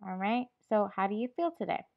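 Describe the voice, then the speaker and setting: A woman's voice: mid-range voice, expressive, brisk, gravelly. A woman teacher reading a picture book aloud to her class and patiently checking in with the children. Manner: patient, checks in with frequent "all right". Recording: dull lo-fi recording.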